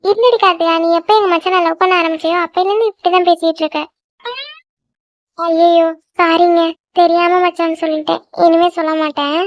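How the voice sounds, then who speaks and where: A woman voicing a young cartoon girlfriend who pleads softly and is quick to apologize. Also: extremely high pitch, fairly even intonation, no room sound. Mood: teasing. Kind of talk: cartoon voice acting. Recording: dull lo-fi dry recording.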